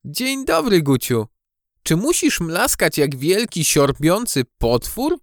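A man's voice: fairly high pitch, slow pace, dry recording, studio quality, pitched above the performer's own voice. A man doing Maja, a chirpy young girl bee. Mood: lively. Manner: bright, lively, playful. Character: cheerful curious young female bee. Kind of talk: storybook audiobook reading.

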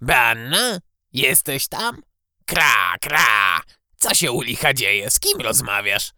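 A man's voice: mid-range voice, very animated, slow, pushed and bright, smooth, no echo, studio quality, heavily acted. A man voicing an impatient, bossy male crow-like creature who caws and scolds in an audiobook. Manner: cawing, scolding, commanding. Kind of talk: audiobook character voice.

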